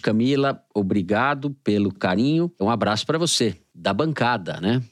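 A man's voice: fairly low pitch, lively intonation, moderate pace, dry recording. A man with a Brazilian Portuguese accent co-hosting a political podcast, reading listener letters aloud in a wry, playful way. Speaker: podcast co-host.

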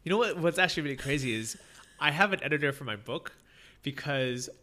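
A man's voice: fairly high pitch, animated, fast talker, bright, forceful tone. An American man hosting a casual interview, talking in a rambling way with many fillers and frequent laughs. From United States. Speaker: podcast host.

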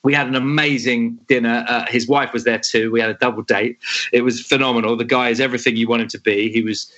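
A man in his thirties, a podcast guest telling an animated anecdote in casual chat. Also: fast, lo-fi sound. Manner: animated anecdote-telling, swoops high when quoting himself. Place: home in Los Angeles.

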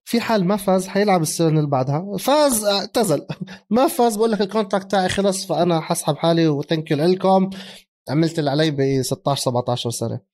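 A man, co-hosting a casual sports chat. He is animated, laughs often and mixes English phrases into his speech. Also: high-pitched, fast talker. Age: 30s. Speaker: podcast co-host.

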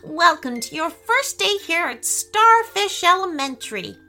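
A woman voicing a cheerful mermaid schoolteacher who speaks in a high, sing-song, welcoming way. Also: sing-song, measured pace, bright, forceful tone, faint music behind, exaggerated voice.

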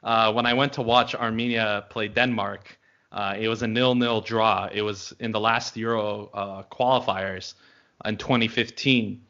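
A man from Los Angeles hosting a casual podcast, talking in a relaxed way with lots of fillers. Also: on the low side, unhurried, muffled recording. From Los Angeles, United States. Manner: relaxed, filler-heavy, friendly. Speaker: podcast host.

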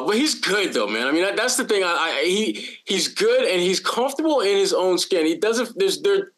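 A man co-hosting a sports podcast in casual chat, talking in an animated, lively way with frequent restarts and playful bits. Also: sits high. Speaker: podcast co-host.

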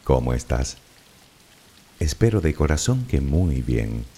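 A man from the Canary Islands, speaking with a Canarian Spanish accent, narrates a guided sleep relaxation in a soft, unhurried, soothing manner. His voice is a bass and very animated, with a little hiss or hum in the audio.

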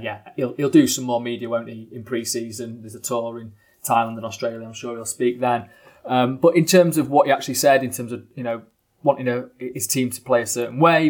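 A man co-hosting a football podcast, stumbling and repeating words as he talks. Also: mid-range voice. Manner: hesitant, repeats words, self-aware. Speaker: podcast co-host. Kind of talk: casual football podcast chat.

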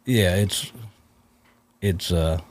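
Comedian guest, man, very low voice, thoughtful and halting in casual podcast chat. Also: a little mellow. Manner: reflective, searching for words.

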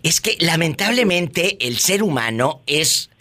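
A man's voice: a little high, big pitch swings, unhurried, pushed and bright. A man with a Mexican accent hosting a radio show, teasing and joking in casual banter. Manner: playful, teasing, exclamatory. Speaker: radio host.

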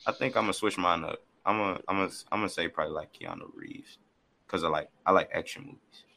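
Male panelist, casual chat. Low, bright-edged voice with fry, slangy bro phrasing, repetitive. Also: quick pace. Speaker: podcast panelist.

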